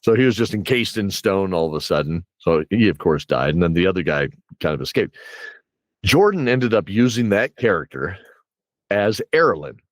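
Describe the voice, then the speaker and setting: Speaking at a moderate pace with big pitch swings, a low-voiced game master tells campaign stories in a casual, animated chat, with no room sound. He rambles and performs his players' reactions as quotes.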